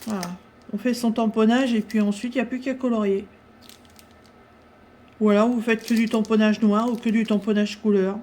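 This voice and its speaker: A woman chatting casually through a craft-supply haul, talking with many pauses and fillers. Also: fairly high pitch, level tone, dark tone, slight background noise.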